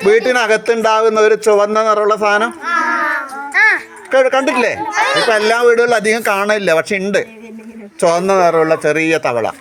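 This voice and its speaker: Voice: medium pitch, normal speed, heavy background noise. A teacher on a school outing, quizzing a group of children and repeating questions to prompt answers. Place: outdoors at a house with children around. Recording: chatter of children behind.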